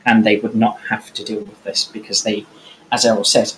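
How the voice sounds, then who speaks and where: A man speaking bluntly and quickly in a casual panel discussion. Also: fairly low pitch, little pitch movement, slight background noise, low-quality recording.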